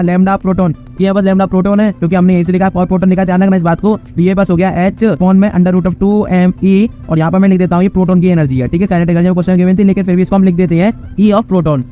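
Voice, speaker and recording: Fast-talking male physics tutor. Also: high-pitched, warm tone. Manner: chatty, repeats filler checks, addresses viewers as brother. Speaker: physics teacher. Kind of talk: exam problem walkthrough.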